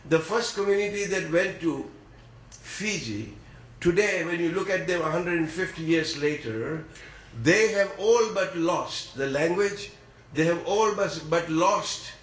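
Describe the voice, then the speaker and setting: A man from East Africa delivering an earnest sermon at a measured, deliberate pace. His voice sits a little high for a man and carries into a roomy, echoing space. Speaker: preacher. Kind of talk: religious sermon.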